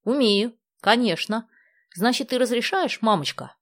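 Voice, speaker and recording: A woman voicing an eager, excitable young girl in a storybook reading, pleading and quick to beg. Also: fairly high pitch, dry recording, voice pushed up.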